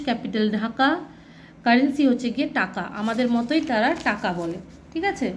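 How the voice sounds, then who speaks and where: A woman's voice: fairly high pitch, darkish tone, slight background noise. A woman teacher reading through a children's textbook lesson, explaining plainly, spelling out words and warning against mix-ups.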